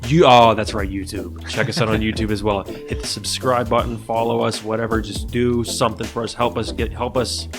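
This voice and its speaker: A man's voice: lowish voice, level tone, fairly quick, hardly any pauses, over music. A man in his thirties co-hosting a casual podcast, telling rambling stories with frequent laughs. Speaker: podcast co-host.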